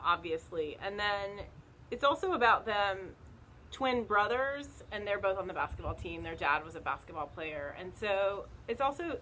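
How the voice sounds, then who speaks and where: Outdoors in the wind, a woman casually recommends books in a conversational, loosely phrased way with small hedges. Her voice is medium-pitched, and the rough home video recording carries loud wind noise.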